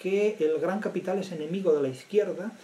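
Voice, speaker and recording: Male professor, lecture delivery, emphatic and deliberate; slightly raised pitch, reverberant room. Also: warm tone. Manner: emphatic, repetitive, deliberate with pauses. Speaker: literature professor. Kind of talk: lecture on literary theory.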